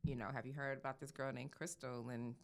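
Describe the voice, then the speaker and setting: A woman's voice: extremely low pitch, a little fast, vocal fry. A young woman from St. Louis, a makeup artist, chatting casually in an interview with lots of fillers and retold dialogue. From St. Louis, USA. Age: young adult. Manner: relaxed, chatty, many fillers and quoted dialogue.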